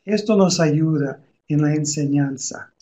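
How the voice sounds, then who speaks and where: A man explaining how to teach reading, in a measured way with deliberate pauses. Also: fairly high pitch, warm tone.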